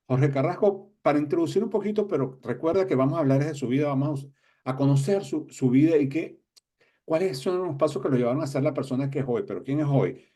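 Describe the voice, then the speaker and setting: A male interview host with a mellow, fairly high voice. He welcomes viewers and asks his guest several questions in a row. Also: a little fast. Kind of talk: interview hosting.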